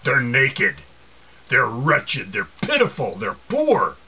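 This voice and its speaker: A man's voice: mid-range voice, wildly swooping pitch, slow pace, pushed and bright, a little hiss or hum. A man preaching an informal sermon, mocking and asking rhetorical questions, often laughing to himself.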